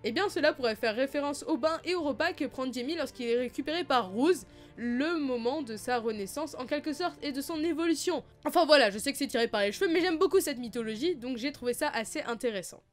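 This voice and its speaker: A young woman vlogger talking casually about fan theories, playful and self-mocking, her voice slightly hoarse. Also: sits high, animated, brisk, soft background music. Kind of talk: casual chatty video commentary.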